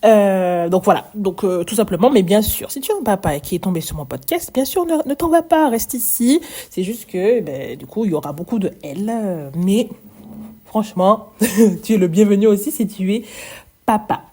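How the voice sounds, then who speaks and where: A woman's voice: mid-range voice, normal speed, warm tone, husky. A woman in her thirties from Martinique with a light Martinican French accent, hosting a chatty podcast in a bubbly, self-teasing way. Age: 30s. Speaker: podcast host, early childhood educator. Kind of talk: casual podcast monologue.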